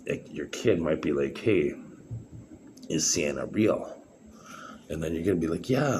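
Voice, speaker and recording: A vlogger with a very deep voice rambles to the camera in a halting solo monologue, full of fillers and restarts. Background noise is clearly audible.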